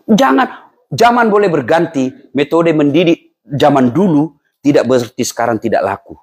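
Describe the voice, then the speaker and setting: Male preacher, high-pitched and animated, loud-to-quiet sermon delivery. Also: normal speed, breathy edge. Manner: animated, swings from loud to hushed, acts out quoted parents and children. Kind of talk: lively sermon to a live congregation.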